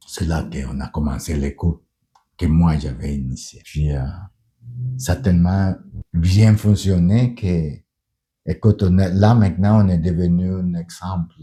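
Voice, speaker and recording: In an earnest documentary interview, a middle-aged man speaking French as a second language recounts his life as a union leader and pastor. His voice is low-pitched and dark, with hesitant restarts and repeated words.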